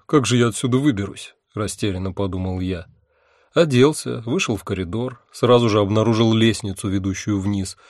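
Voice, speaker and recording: A man narrating a fantasy audiobook in first person, calm and wry, dropping low on speech tags. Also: dry recording, studio quality.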